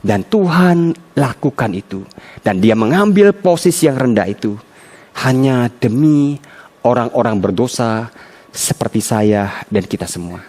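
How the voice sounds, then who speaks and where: A man's voice: expressive, unhurried, darkish tone. A man preaching a sermon as pastor, telling everyday stories with rising emphasis. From Indonesia. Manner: storytelling with a sharply rising pitch for emphasis. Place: church.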